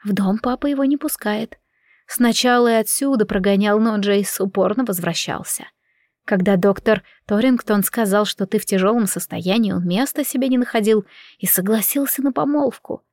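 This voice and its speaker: A soft-spoken, anxious mother, read by a woman narrator in an audiobook. She keeps her voice low and tender, close to a hush. The recording is dry and close, with no room sound. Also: normal speed, no echo, close to an everyday voice. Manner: hushed, tender. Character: gentle worried middle-aged mother, speaking softly. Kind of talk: audiobook character reading.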